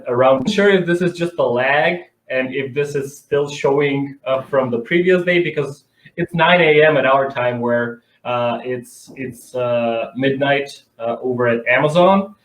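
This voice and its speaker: A man's voice: mid-range voice, measured pace. A man from North Macedonia, speaking conversationally as an expert guest in an interview. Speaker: interview guest, advertising director. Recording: echoey room sound.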